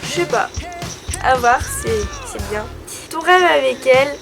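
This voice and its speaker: A young woman from France with a high, light voice reads out viewer questions and answers them casually. She talks in a chatty, hesitant way, and music plays clearly underneath. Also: lively intonation, a little slow. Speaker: dog-owner vlogger answering viewer questions. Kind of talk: casual FAQ chat. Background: background music.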